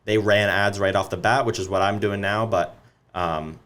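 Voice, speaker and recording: A young man with a very low voice talks casually as a podcast guest. He is relaxed and loose, and he fills his sentences with ums and likes. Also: normal speed. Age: young adult. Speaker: guest business owner. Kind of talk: casual interview talk.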